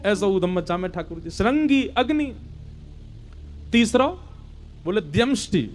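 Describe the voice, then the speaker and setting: A man's voice: high-pitched, animated, measured pace, a little mellow, soft background music. A man preaching a devotional sermon, telling a story animatedly with rustic dialect words. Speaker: katha preacher.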